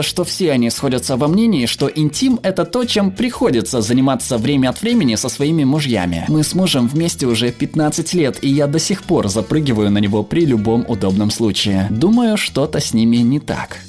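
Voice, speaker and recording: A man's voice: fairly high pitch, darkish tone. A man reading viewer comments aloud as scripted narration, voicing the quoted people as he goes.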